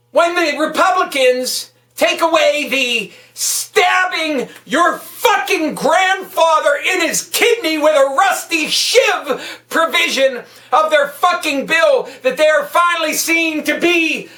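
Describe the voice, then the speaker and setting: A political vlogger delivers an angry rant, hectoring and swearing freely while speaking slowly for emphasis. Her very high-pitched voice is sharp and forceful, recorded in an echoey room with a distant microphone.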